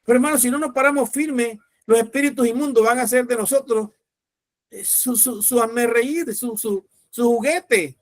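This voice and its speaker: A pastor preaching with a notably high voice. He speaks emphatically and with command, urging his listeners on. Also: moderate pace, dry recording, studio quality. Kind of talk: sermon.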